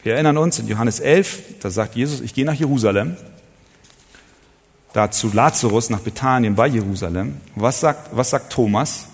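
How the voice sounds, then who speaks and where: A man delivers a sermon in a husky, somewhat breathy voice of ordinary pitch. He speaks earnestly, poses rhetorical questions and draws out key phrases slowly. His words ring on in the long reverb of a large hall. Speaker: preacher.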